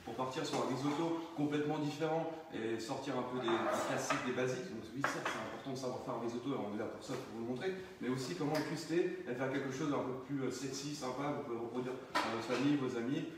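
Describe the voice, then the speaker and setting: A man's voice: medium pitch, fast, roomy sound, distant mic, background noise. A man with a Vosges accent, a chef doing a live cooking demonstration who jokes and teases the audience. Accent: Vosges French. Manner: joking, teasing audience. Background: sizzling pan.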